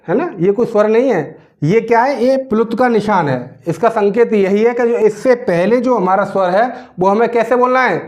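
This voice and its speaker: A male teacher giving a grammar lesson, asking questions and answering them himself, often checking in with his students. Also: high-pitched. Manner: keeps checking in with "theek hai na". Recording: dull lo-fi recording.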